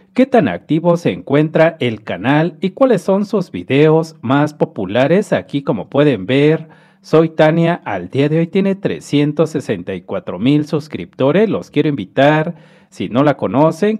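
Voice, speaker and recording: A man's voice: fairly high pitch, mellow. A man from Mexico with a Mexican Spanish accent, hosting a screen-recorded commentary and explaining figures to viewers in a friendly way. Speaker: host.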